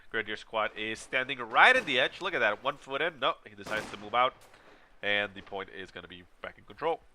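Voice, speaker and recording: A man's voice: fairly low pitch, lively intonation, a little fast, bright, forceful tone, slight background noise. A man with a nasal, congested voice, sick with a stuffy nose, commentating on a strategy game match in a casual, explanatory way. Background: video game battle sounds and music.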